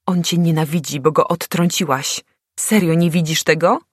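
A woman's voice: low-pitched, steady tone, normal speed, breathy edge, no echo, studio quality. A woman reading an audiobook, voicing a young man who speaks bluntly to a friend.

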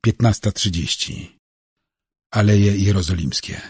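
A man reading a novel aloud as narrator, telling the story in a measured way and giving voice to each character. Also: on the low side, darkish tone, husky, dry recording, studio quality. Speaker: audiobook narrator. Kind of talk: scripted narration.

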